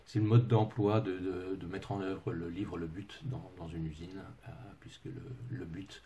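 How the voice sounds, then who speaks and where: A middle-aged man with an English accent presents a webinar in a very low, gravelly voice. His tone is dark, and he hesitates a lot, filling gaps with filler sounds before dry, self-mocking asides. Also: level tone, normal speed, highs cut off, slight background noise. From England.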